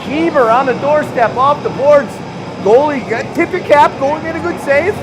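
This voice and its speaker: A man calling a hockey game live, excitable and chatty, shouting on scoring chances and joking with the listeners. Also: very high-pitched, normal speed, background noise. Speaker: play-by-play commentator.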